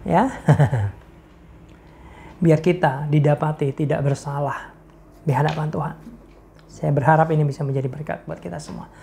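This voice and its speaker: A woman's voice: deep voice, fairly even intonation, moderate pace, vocal fry, long pauses, mellow, slight background noise. A woman preacher from Indonesia giving a casual devotional talk, playful and laughing often as she speaks. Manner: playful, laughs often, mixes in English slang.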